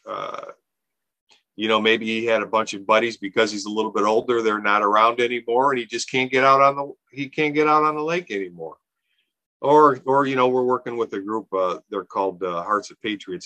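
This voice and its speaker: Guesting on a podcast, a nonprofit founder in his fifties speaks earnestly in a casual interview, rambling with many fillers and restarted sentences. His voice is lowish with a sharp tone. The recording is dry and low quality.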